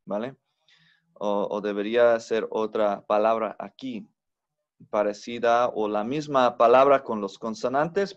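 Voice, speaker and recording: A man lecturing in an online language class, unhurried and patient, pausing often with fillers and correcting himself mid-sentence. His voice sits at a middling pitch, and the recording sounds slightly dull and lo-fi. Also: darkish tone. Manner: slow, patient explaining with many fillers and self-corrections. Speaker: Biblical Hebrew teacher.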